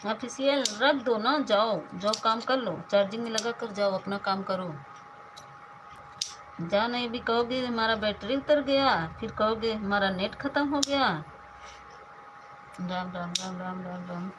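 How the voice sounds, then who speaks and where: A woman's voice: mid-range voice, slow pace, pauses often, noisy background. Chatty woman live-streaming on her phone. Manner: chatty, thanks viewers by name, banters about food. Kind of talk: casual live-stream chat with viewers.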